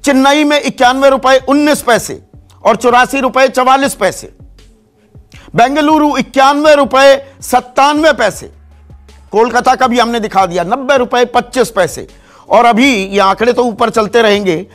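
Tv anchor guy in a studio, real high pitched, rattling off numbers, faint music. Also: a bit bright. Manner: reeling off price figures briskly. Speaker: television news anchor. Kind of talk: studio news presentation. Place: TV news studio.

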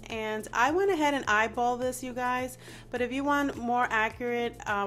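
A woman's voice: fairly high pitch, fairly bright tone. A woman whose voice is nasal from allergies, chatting through a step-by-step craft tutorial as host and often calling her viewers "you guys.". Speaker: DIY channel host.

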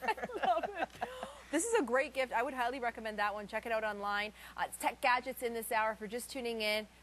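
A woman in her thirties giving a chatty, emphatic home shopping host sales pitch in a television studio. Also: fast, fairly bright tone, slight background noise.

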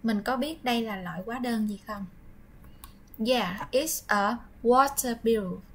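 A woman with a Vietnamese accent teaching English vocabulary, drilling each word slowly and explaining in Vietnamese. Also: fairly high pitch, husky, low-quality recording. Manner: slow, drilled pronunciation with repeated words.

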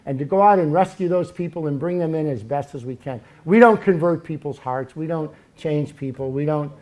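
A man's voice: on the high side, fairly quick, darkish tone. A man preaching a sermon, emphatic and full of rhetorical questions.

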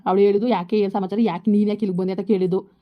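A woman acting a village woman who consoles a girl in a brisk, loud way. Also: mid-range voice, little pitch movement, lightly acted. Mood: reassuring. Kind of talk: village comedy skit acting. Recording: dull lo-fi recording.

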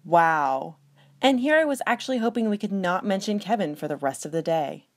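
A woman's voice: medium pitch, animated, normal speed, close to an everyday voice. A woman voicing a sarcastic, heartbroken young student in an amateur voice-over drama.

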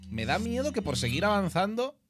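A young man from Spain with a Spanish accent, commenting live on his gameplay, excitable, with loud outbursts and cursing. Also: high voice, fairly quick, music in the background. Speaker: streamer. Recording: steady background noise.

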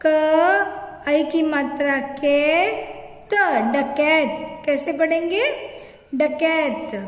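A woman teacher giving a slow phonics lesson, spelling out syllables one at a time and repeating words for students to say back. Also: extremely high pitch. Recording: echoey room with long reverb.

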